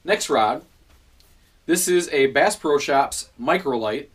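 Speaking on the high side with a breathy edge, a man in his thirties who runs a fishing channel talks casually to the camera about his gear. He is relaxed, leans on frequent fillers, and keeps correcting himself. The camera recording him sits a few feet away in a small room at home.

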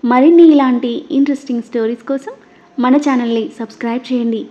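Mellow-voiced female storyteller. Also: high voice, fairly quick, lo-fi sound. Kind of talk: scripted story narration.

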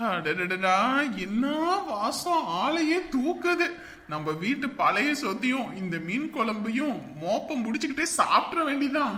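A woman's voice: a little high, big pitch swings, unhurried, pushed and bright, heavily acted. A woman voicing a caring, thoughtful young son in a cartoon, earnest and worried.

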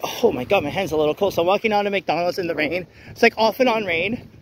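A man's voice: high voice, fast talker, a little hiss or hum. A man vlogging outdoors on a wet city street at night while walking, talking bluntly and ranting with many restarts. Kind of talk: walk-and-talk vlog rant. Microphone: phone held while walking.

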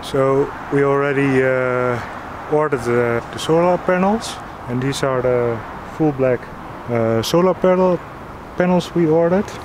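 Halting man explaining gear outdoors. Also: mid-range voice, background noise. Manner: halting, many uh fillers and restarts. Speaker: sailing vlogger. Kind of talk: casual explanation.

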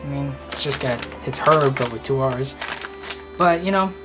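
A man in his twenties talks casually to camera like a snack review vlogger. He is recorded at desk distance in a small indoor room. Music plays clearly behind him. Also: medium pitch, moderate pace. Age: 20s.

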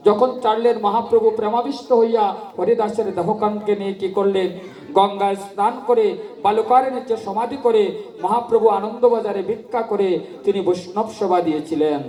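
High-voiced man preaching in an echoey hall. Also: steady tone, mellow. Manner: slow, sing-song, rising in fervor. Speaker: kirtan preacher. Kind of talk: devotional storytelling sermon. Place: gathering at a memorial kirtan. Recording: echoey hall, mic from a distance.

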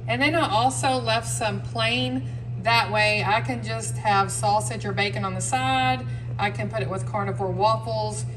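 Speaking directly to her audience, this home cook walks through a recipe step by step in a relaxed, chatty way from her own kitchen. She has a slightly bright, higher voice, captured on a rough recording with faint hiss or hum.

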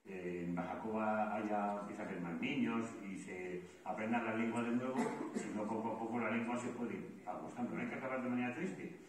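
A man's voice: on the low side, brisk, recorded from a distance, slight background noise. A man from giving a lecture at a book presentation, explaining points and answering his own rhetorical questions. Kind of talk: lecture-style public talk. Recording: very echoey hall recorded from afar.

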